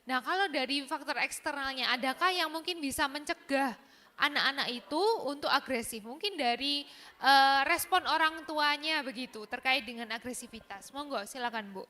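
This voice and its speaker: A woman's voice: sits high, normal speed, sharp tone. A woman moderating a panel talk show, summing up answers before posing the next question. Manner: sums up answers, then poses questions.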